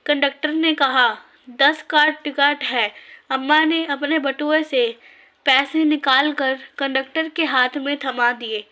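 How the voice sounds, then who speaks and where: A woman reading a story aloud in a measured, scripted narration. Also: high-pitched, fairly even intonation, pushed and bright.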